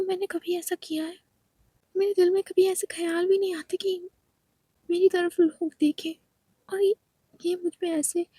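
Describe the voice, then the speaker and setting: A woman's voice: sits high, dry recording, lightly acted. Woman voicing a whiny, easily offended young woman. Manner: loud, complaining, tearful pleading.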